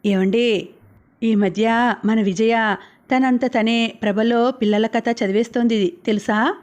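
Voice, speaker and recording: A woman voicing a caring young mother in an audiobook, speaking softly and tenderly, with worry underneath. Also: fairly high pitch, fairly even intonation, slow. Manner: soft, tender and coaxing.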